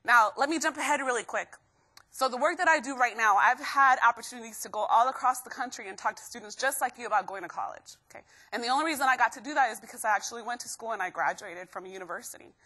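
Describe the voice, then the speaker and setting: A young woman from Guatemala giving an energetic live motivational talk to students, constantly asking the crowd questions. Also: a little high, fast talker. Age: young adult. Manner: energetic, keeps quizzing the crowd. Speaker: motivational speaker.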